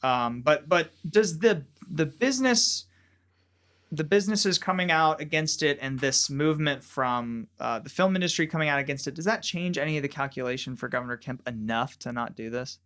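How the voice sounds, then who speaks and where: A man's voice: fairly high pitch, lively intonation, moderate pace, a bit bright. Man hosting a political podcast panel. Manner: conversational, thinking aloud with filler words. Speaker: podcast host. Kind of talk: casual panel discussion.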